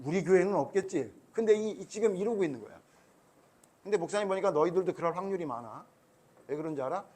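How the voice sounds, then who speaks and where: A man with a high voice preaches a Sunday school sermon to children. He tells the story in an animated way and keeps quizzing the kids as he goes. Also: fast talker. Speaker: pastor.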